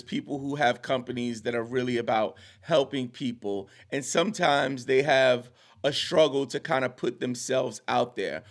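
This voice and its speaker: A man hosting a podcast interview, upbeat and enthusiastic as he asks questions. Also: medium pitch. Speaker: podcast host. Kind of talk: casual interview.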